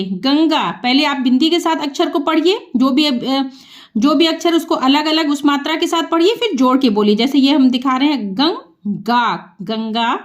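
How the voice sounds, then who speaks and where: Slow, high-voiced woman teaching. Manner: patient, drawn-out syllables for practice. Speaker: Hindi teacher. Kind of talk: slow, clear reading lesson.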